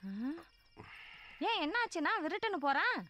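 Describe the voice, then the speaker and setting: An actress playing a brisk sister in a film who brushes off her brother's worries. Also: very high-pitched, lively intonation, a little hiss or hum, heavily acted. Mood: scolding. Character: brisk, dismissive sister busy with wedding work. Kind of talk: film dialogue. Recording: film soundtrack with loud music.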